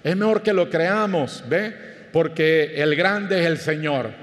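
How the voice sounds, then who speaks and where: A man's voice: on the high side, slow pace, long reverb tail. A man with a Panamanian Spanish accent, a pastor preaching a sermon in a conversational way, with anecdotes and questions to the congregation.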